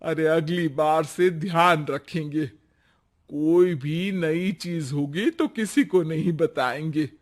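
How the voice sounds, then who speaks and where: An easygoing young husband from a cartoon story reassures his wife and defends his mother. His voice sits a little high and he speaks slowly. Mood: reassuring. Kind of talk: cartoon voice acting.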